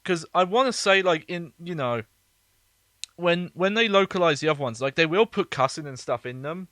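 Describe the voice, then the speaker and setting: Bright-voiced man doing casual game commentary. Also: fairly high pitch, expressive, normal speed, no room sound. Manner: rambling, amused, thinking aloud. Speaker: gaming video host.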